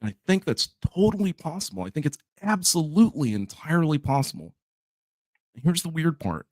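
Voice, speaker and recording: A man's voice: on the high side, big pitch swings, brisk, darkish tone, dry recording, clean studio sound. A man co-hosting a podcast, speaking in casual chat with emphatic, opinionated delivery. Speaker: podcast co-host.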